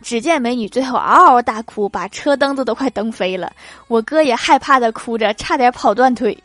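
A woman hosting a comedy show, reading jokes aloud with lively delivery and laughter between them. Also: fairly high pitch, brisk, dry recording. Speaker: host of a comedy joke show.

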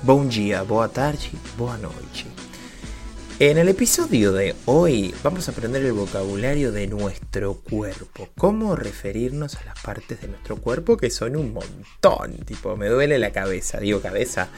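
A man with a Rioplatense accent teaching a casual video lesson, playful and jokey, repeating words slowly. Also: fairly low pitch, expressive, darkish tone, soft background music. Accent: Rioplatense Spanish. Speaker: Portuguese teacher.

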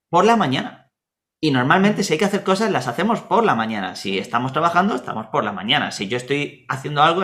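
Spanish man, mid-pitched, casual storyteller who acts out dialogue. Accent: Spanish from Spain. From Spain, Murcia. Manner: animated anecdotes, acts out dialogue.

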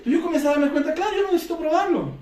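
The voice is very high-pitched, slightly mellow, and racing, belonging to a man who gives motivational talks for a sales business. Addressing a sales team, he tells stories and acts out quoted voices, captured by a faraway mic in an echoing room.

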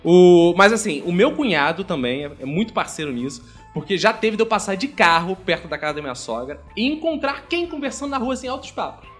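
A man's voice: high-pitched, brisk, hardly any pauses, soft background music. A man with a Brazilian Portuguese accent, joking and teasing in a casual group chat. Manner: lively and joking, teases the others.

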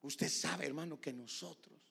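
Gravelly preacher man in a reverberant hall. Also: fairly high pitch, moderate pace. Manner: swings from shouting to hushed whispers; repeats "hermano" constantly. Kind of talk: sermon.

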